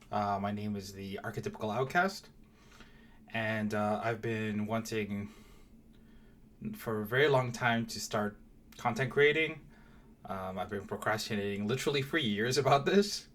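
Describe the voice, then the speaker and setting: A man's voice: on the low side, measured pace, a bit bright, slight background noise. A young man from Mauritius giving a casual, hesitant channel introduction, full of fillers and restarts. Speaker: vlogger. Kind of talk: casual direct-to-camera intro.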